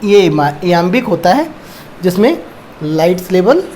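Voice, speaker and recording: A man's voice: sits high, very animated, darkish tone, a little hiss or hum. A man teaching English poetry, who asks questions and answers them himself while explaining. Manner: explains slowly, asks and answers his own questions, mixing Hindi and English. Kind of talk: online lesson on a poem.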